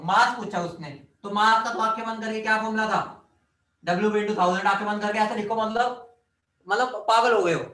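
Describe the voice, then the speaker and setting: A man's voice: sits high, fairly bright tone. A man teaching chemistry in a classroom lecture, quizzing his students and teasing them as he drills formulas. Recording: echoey room, mic at a distance.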